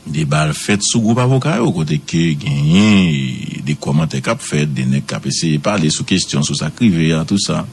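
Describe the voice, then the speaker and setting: A man with a Haitian accent giving radio commentary, swooping high for emphasis and repeating words. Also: big pitch swings, normal speed, creaky, hardly any pauses, a little hiss or hum.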